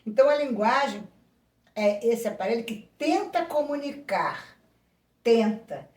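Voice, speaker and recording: This psychoanalyst guest is a woman whose voice is a little high, a little mellow and lively in intonation, though her pace is a little slow. In a reflective interview she explains ideas thoughtfully, full of asides, recorded in an echoey room some distance from the mic.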